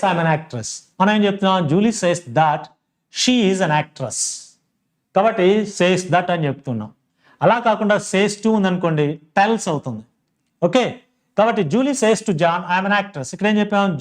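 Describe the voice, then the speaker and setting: Slow, high-voiced Telugu-accented male teacher. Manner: slow, repeats examples and lists word by word. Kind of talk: grammar lesson.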